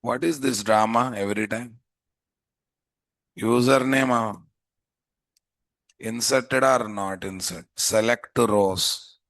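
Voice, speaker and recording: Telugu accent guy teaching coding live, kinda low voice, real slow, asks the class stuff over and over. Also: fairly bright tone, dry recording. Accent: Telugu Indian. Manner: informal, repetitive questions to the class. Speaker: programming instructor. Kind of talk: live software lesson, thinking aloud.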